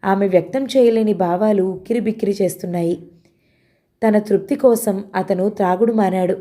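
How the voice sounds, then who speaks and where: A woman reads a novel aloud, calm and even. Her voice is dark and mellow. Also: mid-range voice, normal speed. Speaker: audiobook narrator. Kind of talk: scripted novel narration.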